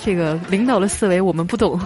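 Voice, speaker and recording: A woman's voice: on the low side, quick pace, music in the background, a crowd in the background. Chuckling woman host telling jokes. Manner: lively, chuckling through punchlines. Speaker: host reading listener jokes. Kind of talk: comic storytelling.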